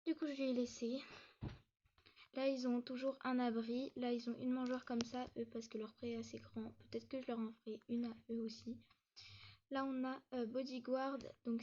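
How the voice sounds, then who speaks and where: A woman giving a casual tour of her game world, talking quickly with lots of hesitations and restarts, sometimes short of breath. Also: a little high, little pitch movement, warm tone, dull audio. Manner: hesitant, many fillers and restarts; talks fast, says she struggles to catch her breath. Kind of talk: casual gameplay tour narration.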